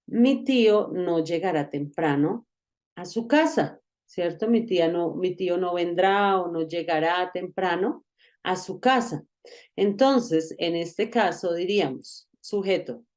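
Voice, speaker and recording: Woman teacher, low mellow voice, unhurried, models example sentences slowly and quizzes the learner. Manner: asks the learner questions directly. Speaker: English teacher. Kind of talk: online grammar lesson.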